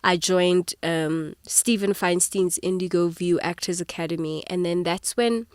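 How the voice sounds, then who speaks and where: Woman, young adult, actor guest, smooth resonant voice, dry close sound, lively storyteller. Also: fairly low pitch, a little slow, no echo. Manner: animated storyteller, laughs often. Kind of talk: casual interview chat.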